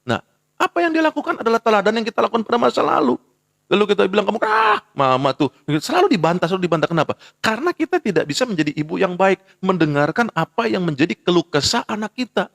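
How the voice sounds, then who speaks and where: A man preaching a morning sermon on a live stream, talking in a lively way and acting out what mothers and children say. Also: sits high, fast, creaky, dry recording, clean studio sound. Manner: animated preaching, acts out quoted mothers and children. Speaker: pastor. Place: live social media broadcast.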